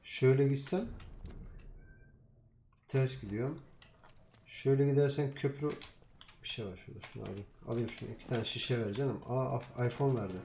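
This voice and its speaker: A man playing a game and talking to himself, mostly in low mutters with sudden loud, indignant outbursts. His mid-pitched voice bounces around an echoey room, with faint keyboard clicking behind him. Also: normal speed, vocal fry, long pauses, slight background noise. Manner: talks to himself and swears at enemies, swings from mumbling to loud indignant outbursts. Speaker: gamer playing a vampire game. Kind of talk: casual gameplay commentary. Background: keyboard typing and clicks.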